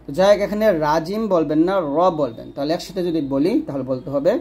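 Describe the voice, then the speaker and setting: A man teaches Quran recitation, his voice sitting a little high for a man. He explains each sound patiently and stretches the recited words out slowly so every letter can be heard. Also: expressive, mellow, breathy edge. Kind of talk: instructional lesson with recitation.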